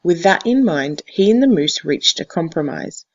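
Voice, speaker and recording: A teacher reads a picture book aloud in a deliberate, expressive storytelling style, on a slightly dull recording. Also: medium pitch. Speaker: teacher reading to a class.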